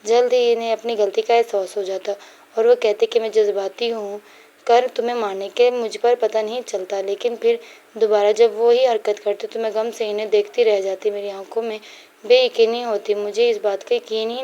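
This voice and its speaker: Female storyteller for a story channel, earnest first-person telling, slightly high mellow voice. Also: muffled recording.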